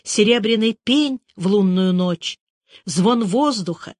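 Measured, dry-sounding storybook narrator. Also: mid-range voice, a little mellow, dry recording. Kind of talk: audiobook reading of literary prose.

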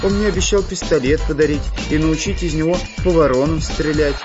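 A man voicing a soft-hearted young boy with a high, plaintive voice, in a storybook reading with faint music behind. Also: brisk, close to an everyday voice. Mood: sad. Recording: slightly dull, faint music.

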